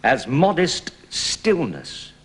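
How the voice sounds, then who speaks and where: A warrior king urging his troops into battle. He declaims in a stately, drawn-out way, his pitch leaping wildly from line to line. Every word is stretched out very slowly. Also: wildly swooping pitch, full character voice. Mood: rousing. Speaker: actor in a verse workshop. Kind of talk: declaimed Shakespearean verse.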